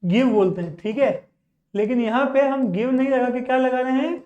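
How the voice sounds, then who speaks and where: A male teacher leading a spoken English lesson, asking questions and then answering them himself. He mixes two languages freely and keeps checking in with his class. Each English example comes out slow and deliberate. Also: very high-pitched, darkish tone, lo-fi sound. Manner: reads English example sentences slowly and deliberately; mixes Hindi and English, repeats a verbal tic meaning "okay".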